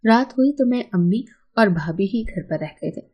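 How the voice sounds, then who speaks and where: A woman's voice: medium pitch, lively intonation, slightly rough, dull audio. A woman narrating a first-person family story, read aloud steadily and plainly.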